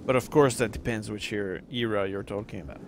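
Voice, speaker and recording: A lowish, brisk male voice comes with a little hiss or hum. The speaker is a middle-aged French Canadian from Quebec, streaming a strategy game and commenting in a rambling, casual way with many fillers.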